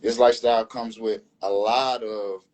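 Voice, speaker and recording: A man's voice: fairly low pitch, fairly even intonation, moderate pace, darkish tone, rough recording. A man speaking earnestly as a panel guest in a live online discussion, repeating and restarting phrases as he builds his point.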